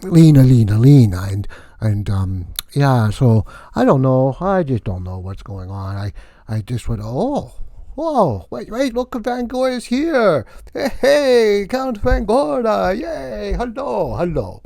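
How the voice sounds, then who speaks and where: A man's voice: lowish voice, expressive, a little slow, warm tone, no echo, studio quality. A man playing a wacky, boastful vampire count who tells rambling comic stories with a jokey, self-mocking manner. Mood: aggrieved. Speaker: comedian character. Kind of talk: comic monologue.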